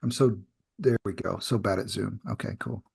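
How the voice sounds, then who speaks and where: A man's voice: fairly low pitch, steady tone, normal speed, gravelly, a little mellow, slightly rough. A man presenting a workshop over a video call, talking loosely with many fillers and restarts.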